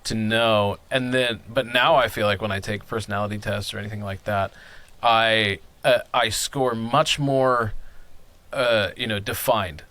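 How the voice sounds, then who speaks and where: A man's voice: fairly low pitch, fairly even intonation, a little slow, pushed and bright. A man hosting a podcast, asking questions in an easygoing, chatty way. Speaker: podcast host, brand strategist. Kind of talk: casual conversational interview.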